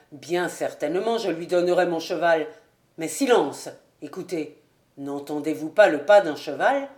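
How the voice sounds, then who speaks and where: Audiobook: a woman reads a brash, scornful male swordsman, lower register. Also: darkish tone. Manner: bold and mocking. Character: blunt swaggering adult male swordsman.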